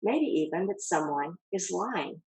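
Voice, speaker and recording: A woman speaks as a self-help coach, talking straight to the listener in a calm, measured way. Her voice sits a little low and carries a husky, breathy grain. She leans on rhetorical questions to guide her audience. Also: poor audio. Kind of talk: motivational talk to camera.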